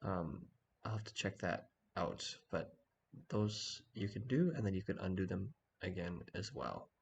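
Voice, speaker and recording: A man talking quietly in the early morning so as not to wake anyone, giving a casual screen-share walkthrough. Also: low-pitched, unhurried, creaky, slightly rough. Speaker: online community organizer giving a tutorial.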